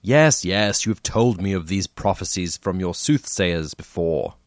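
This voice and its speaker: A man doing a deep, scheming moneylender. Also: animated, a little slow, no room sound, studio quality. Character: scheming male moneylender, calculating and impatient. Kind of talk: audiobook character reading.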